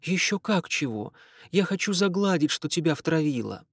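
A man reading aloud and voicing a distressed young woman who pleads and apologizes in a raised, softer voice. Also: fairly high pitch, very animated, normal speed, slightly rough, no echo, clean studio sound, pitched above the performer's own voice, full character voice. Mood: pleading. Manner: pleading, apologetic, softly insistent.

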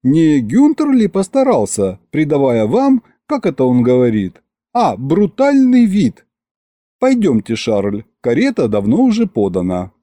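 A man's voice: fairly high pitch, huge pitch swings, unhurried, warm tone, no room sound. Casual: snooty young woman mocking, guy doing the voice, dry close sound. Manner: haughty, mocking. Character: sharp-tongued young woman, haughty and teasing. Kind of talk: audiobook character voice.

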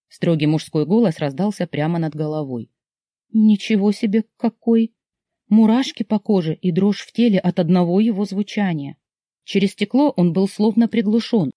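A narrator reading a first-person story aloud with expressive, emotional delivery. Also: mid-range voice, dry recording, clean studio sound. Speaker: audiobook narrator.

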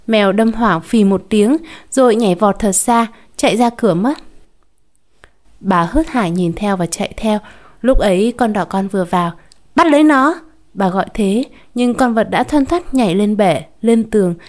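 A woman storyteller reading a short story aloud in a calm, even narration. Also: mid-range voice.

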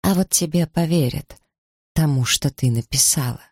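A man voicing a quiet, resolute wife. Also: moderate pace, slightly rough, no echo, clean studio sound. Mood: steady. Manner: low, even, firm.

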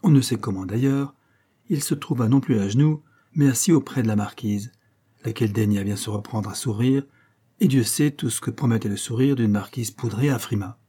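A man narrating an audiobook of a classic story in a measured, literary reading style. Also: medium pitch, dark tone, husky.

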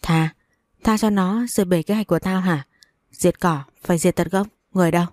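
A cruel older mother-in-law barks orders in a low, mellow voice, as a woman reads her part. Her tone is scolding and commanding throughout this storybook tale. The sound is dry and close. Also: fairly even intonation, brisk, dry recording, lightly acted. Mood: menacing.

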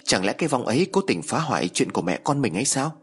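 A man's voice: medium pitch, very animated, fast, slightly rough. A man voicing a cautious, worried older mother-in-law. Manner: fearful, coaxing.

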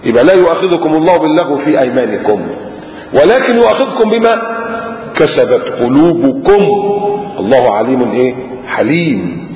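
Lively Egyptian sheikh in an echoey hall. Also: male voice, fairly high pitch, fairly quick. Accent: Egyptian Arabic. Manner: lively, acts out little dialogues. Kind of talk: religious lesson. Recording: echoey, muffled hall recording.

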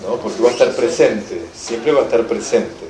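Man, Argentine accent, informal lecture, emphatic, animated, echoey room. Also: on the low side, moderate pace, crowd noise. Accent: Argentine Spanish. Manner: animated, emphatic, often asks "me entienden?". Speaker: enneagram teacher. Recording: echoey room, live class recording.

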